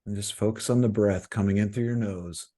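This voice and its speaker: Pausing often, a man on the lower end of the pitch range guides listeners through meditation. He instructs them calmly and soothingly, as a teacher would.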